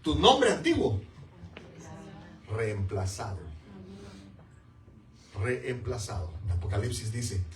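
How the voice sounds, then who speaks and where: A man's voice: medium pitch, huge pitch swings, takes it slowly, long pauses, slight background noise. A man preaching a sermon as pastor, emphatic and repeating key words while calling on the congregation to answer. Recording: echoey room, mic far off.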